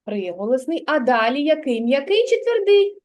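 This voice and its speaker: A woman teaching a young child letters and sounds, speaking patiently and clearly and praising often. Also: sits high, sing-song, a little slow, darkish tone. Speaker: kindergarten teacher. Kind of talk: literacy lesson with a child.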